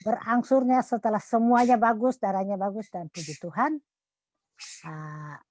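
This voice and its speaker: Older lady giving a testimony over a church stream, earnest, halting, dry close sound. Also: mid-range voice, no echo. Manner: earnest, halting with frequent restarts, voice dropping soft in prayers. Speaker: congregation member giving testimony.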